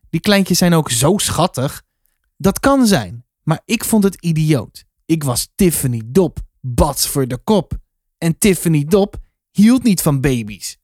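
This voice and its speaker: Man, book reader, calm measured storytelling, fairly high voice, dry close sound. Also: no room sound. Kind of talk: reading a children's novel aloud.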